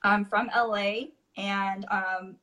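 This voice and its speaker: A woman's voice: mid-range voice, fairly even intonation, slow pace, bright, forceful tone. A woman in her twenties from California, a guest chatting easily in an interview, often saying "you know" and "like". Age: 20s. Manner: easygoing, frequent "you know" and "like". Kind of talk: casual interview chat.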